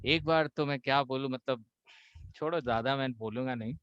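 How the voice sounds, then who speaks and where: An Indian man coaching a spoken English class, mixing Hindi and English, acting out quoted voices and slowing down on key English lines. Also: medium pitch, clean tone, dry recording, muffled recording.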